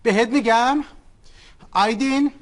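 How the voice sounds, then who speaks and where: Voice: mid-range voice, lightly acted. A performer playing an overprotective older mother with a Persian accent in a comedy sketch, talking bluntly in broken English mixed with Persian. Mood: bossy.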